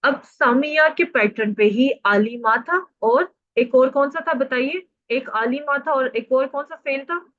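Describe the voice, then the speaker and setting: A woman teacher leads students through verb tables and calls on them to recite. She prompts answers and praises correct replies, speaking with a fairly high voice. The audio is muffled and lo-fi. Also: a little slow, a bit bright. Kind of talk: classroom lesson on Arabic grammar.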